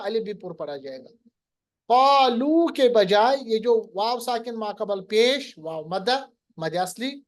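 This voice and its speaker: This very high-pitched male teacher leads an online Quran recitation class, questioning his pupil and lengthening recited words at an unhurried pace.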